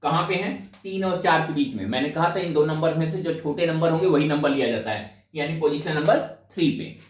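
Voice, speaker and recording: A man teaching a chemistry lesson, asking questions and answering them himself and slowing down to spell out names term by term. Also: fairly high pitch, reverberant, far from the mic. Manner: asks questions then answers them, mixes in English phrases. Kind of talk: explaining a lesson.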